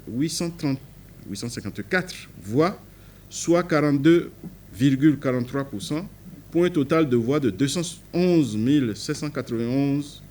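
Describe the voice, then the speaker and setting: A man's voice: a little high, darkish tone. A man from Benin reading out election results in a formal manner, stressing the party initials and correcting himself on some figures. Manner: reads numbers aloud, stressing party initials, self-corrects. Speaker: court official reading results.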